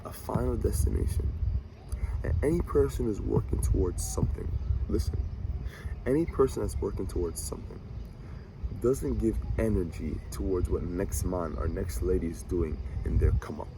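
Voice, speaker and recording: A man in his twenties giving an animated, preachy motivational monologue to camera, talking to himself and his viewers with swagger. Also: deep voice, moderate pace, gravelly, noisy background. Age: 20s. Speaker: vlogger.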